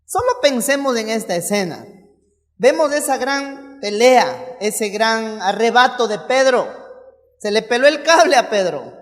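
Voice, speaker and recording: A man's voice: very high voice, lively intonation, unhurried. Man, preacher, sermon, vivid storytelling, playful asides, church hall reverb. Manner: storytelling with rhetorical questions and playful acted asides.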